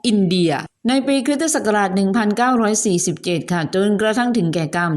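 A woman's voice: medium pitch, quick pace, darkish tone. A woman host narrating a history story in a chatty, polite way, adding asides and courteous particles.

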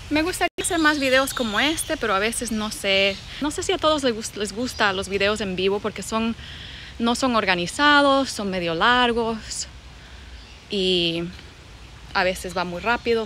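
Woman from Bolivia, slow outdoor live stream. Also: a little high, pushed and bright. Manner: chatty, reads out and greets viewers' messages. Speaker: vlogger hosting a live stream. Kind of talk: casual live-stream chat. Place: outdoor garden with birds. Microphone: phone held at arm's length. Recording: noisy outdoor phone recording. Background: birds and outdoor ambience.

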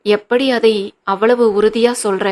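A woman's voice: on the high side, fairly even intonation, measured pace, a little mellow, close to an everyday voice. A woman voicing a hurt young husband who questions his wife in a pained, reproachful way in an audiobook reading. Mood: troubled.

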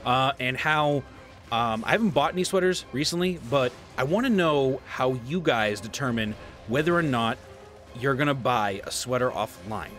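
Soft background music accompanies a man in his thirties giving casual gameplay commentary from his desk at home. He sounds animated and a little stuffy-nosed, rambling at a moderate pace in a medium-pitched, fairly bright voice.

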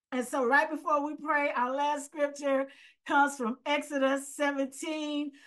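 A woman's voice: high-pitched, a bit bright. A woman preacher delivering a fervent sermon, often crying out hallelujah and reading scripture aloud. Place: virtual church gathering.

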